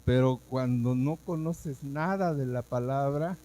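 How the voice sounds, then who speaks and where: Here a pastor's medium-pitched, mellow voice moves unhurriedly through his testimony in a sermon, full of emotion as he re-enacts what he used to say. The audio quality is poor.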